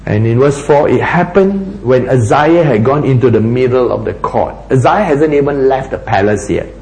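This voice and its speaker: A man preaching a sermon in a slow, dramatic way, sometimes dropping almost to a whisper for emphasis. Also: lively intonation, a little mellow, rough recording. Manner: slow, dramatic delivery with big pitch swings, dropping to near-whispers for emphasis.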